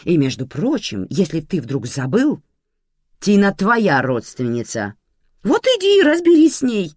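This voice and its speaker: A reader voicing a calm but stern woman who runs a kitchen, speaking curtly. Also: medium pitch, measured pace, slightly rough, dry recording, voice pushed up, full character voice. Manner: curt and stern. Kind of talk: audiobook character voice.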